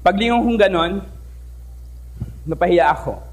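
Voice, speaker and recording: A young Filipino teacher tells a story to a live audience from a stage microphone in an event hall, lively and joking, switching between languages. His voice is high for a man and swings widely in pitch, and he keeps pulling the crowd in with quick questions.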